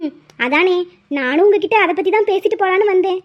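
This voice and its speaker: A woman's voice: very high-pitched, fairly quick. A woman voicing a well-off, kind middle-aged mother in a cartoon, speaking in an earnest, reassuring way. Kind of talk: cartoon voice acting. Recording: dull lo-fi audio.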